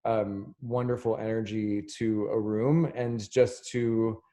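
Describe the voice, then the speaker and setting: A man moderating an artist talkback over a video call, giving closing thanks in an unhurried way with many fillers. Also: lowish voice, fairly even intonation, dark tone. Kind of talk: closing remarks in a video chat.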